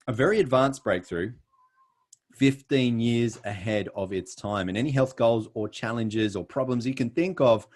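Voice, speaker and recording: With a lowish, darkish voice, a middle-aged Australian man presents a sales pitch by video call. His delivery is earnest and emphatic, broken up by frequent pauses.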